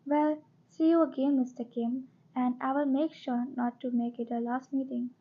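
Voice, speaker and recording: A woman's voice: high-pitched, steady tone, moderate pace, narrow, tinny audio. A woman voicing a haughty young mafia queen who is a bossy older sister and speaks in an arrogant, threatening way.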